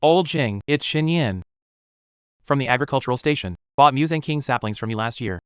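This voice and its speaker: A man's voice: medium pitch, lively intonation, moderate pace, fairly bright tone, smooth, dry recording, clean studio sound, natural voice. A man voicing a firm self-made fruit grower. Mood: businesslike. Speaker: fruit tree breeder. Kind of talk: dubbed drama dialogue.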